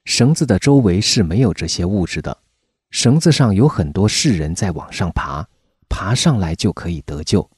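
Husky deep-voiced man reading aloud. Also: lively intonation, moderate pace, darkish tone, dry recording, studio quality. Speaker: article reader. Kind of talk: scripted reading of a testimonial article.

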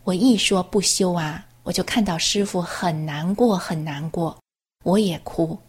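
A woman reading a first-person testimony aloud in an earnest, steady, plain storytelling manner. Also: lowish voice, unhurried, breathy edge.

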